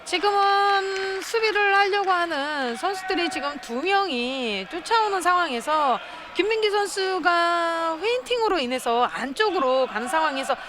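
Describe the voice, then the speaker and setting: A woman with a high voice provides live color commentary on a handball game. She sounds explanatory and tactical, breaking down plays as the analyst. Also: animated, normal speed, hardly any pauses, noisy background.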